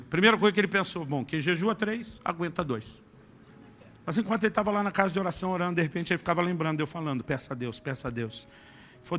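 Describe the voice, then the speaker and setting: A middle-aged man preaching a sermon, telling a family story with acted-out dialogue and shifts to a soft, intimate tone. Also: a little high, a little hiss or hum. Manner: animated storyteller acting out dialogue, dropping to soft intimate tones. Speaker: pastor.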